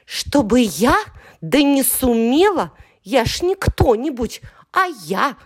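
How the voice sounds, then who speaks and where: A woman putting on a bragging storybook letter, haughty, stubborn, voice pushed way up high, swinging pitch. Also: big pitch swings, takes it slowly, exaggerated voice. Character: boastful, self-important female letter of the alphabet.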